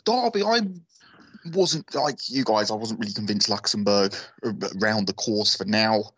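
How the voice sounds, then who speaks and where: A man's voice: lowish voice, moderate pace, fairly bright tone, no room sound. A man talking in a laid-back, wry way as a guest in a casual podcast chat. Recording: dry, slightly muffled audio.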